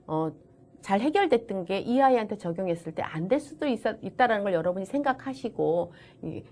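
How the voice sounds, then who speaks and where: Lively woman lecturing with animated pitch. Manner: chatty, lively, acts out children's and teachers' lines. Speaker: online course lecturer. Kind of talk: recorded video lecture. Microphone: camera-recorded lecture.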